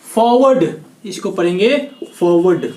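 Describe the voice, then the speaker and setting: Male teacher from India, lively question-and-answer delivery, roomy echo. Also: high-pitched, measured pace. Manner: lively, asks and answers his own questions. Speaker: English teacher. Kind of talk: spoken-English lesson in Hindi. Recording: echoey room.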